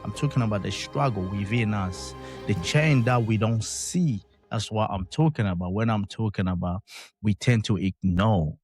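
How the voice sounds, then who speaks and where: Impassioned man commenting over soft music. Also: on the low side, normal speed. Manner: emphatic, repeats phrases, non-native phrasing. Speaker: commentator reacting to a clip.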